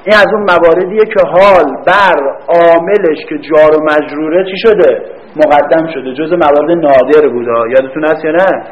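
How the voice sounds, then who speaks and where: A man teaching a grammar class who quizzes his students, answers his own questions, and drags words out slowly when he repeats them. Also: fairly high pitch. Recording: dull lo-fi recording.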